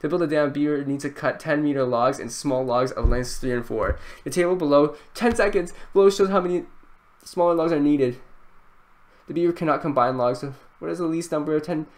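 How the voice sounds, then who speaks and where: A young man thinking aloud through a timed test, frantic and self-mocking, now and then breaking into loud outbursts. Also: on the high side, a little fast. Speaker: youtuber.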